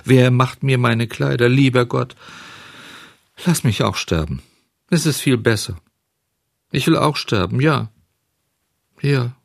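A man's voice: animated, creaky, no echo, studio quality. A man voicing a desperate, weeping wooden puppet boy who pleads and sobs. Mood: despairing. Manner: sobbing, pleading, high and fast.

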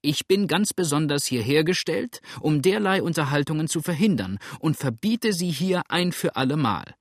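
A man's voice: fairly high pitch, animated, normal speed, no echo, clean studio sound, voice pushed up. A man reading an audiobook, voicing an officious stranger who stands guard and forbids talk, in a formal commanding tone. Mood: stern.

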